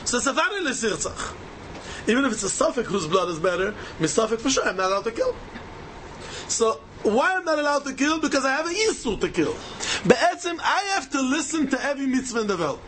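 A man's voice: very high-pitched, big pitch swings, a little fast, fairly bright tone, slight background noise, poor audio. A man with a Yiddish accent teaching a Talmud lesson, emphatically asking rhetorical questions and repeating key phrases as he answers them. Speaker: Torah teacher.

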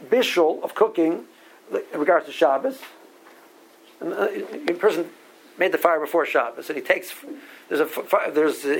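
In poor audio, a high-voiced man from Barbados, a rabbi, teaches a Talmud class through a halachic lecture. He reads out Hebrew legal terms and repeats words frequently as he works through the sources.

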